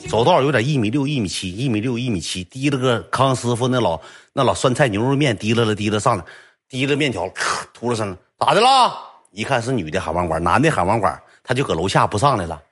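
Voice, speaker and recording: A man with a Northeastern Mandarin accent telling a comic story on a livestream, animated and colloquial. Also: on the low side, fast talker, husky. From Northeast China. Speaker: storyteller streamer.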